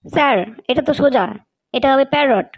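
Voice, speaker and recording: A man's voice: extremely high pitch, a little fast, voice pushed up. A man voicing a lazy, overconfident male student in a cartoon with a drawling delivery. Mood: smug. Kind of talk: cartoon voice acting.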